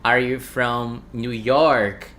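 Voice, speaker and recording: Brazilian-accented male English teacher, thirties, unhurried, drills phrases and quizzes viewers. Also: mid-range voice, fairly even intonation, a bit bright. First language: Portuguese. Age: 30s. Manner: repeats phrases slowly, asks the chat questions. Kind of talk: livestream language lesson.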